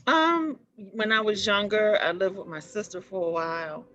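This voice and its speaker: A woman's voice: medium pitch, big pitch swings, moderate pace, a bit bright. A middle-aged woman from Baltimore, chatting and reminiscing as an interview guest on a video call, with frequent ums and laughs. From Baltimore, USA. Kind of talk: conversational storytelling over a video call.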